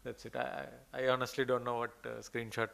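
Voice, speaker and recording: A man with an Indian English accent presents research slides in a conference hall before taking questions, his speech hesitant and full of fillers and restarts. His mid-range voice is delivered flatly and a little fast, with a creaky, sharp yet smooth quality.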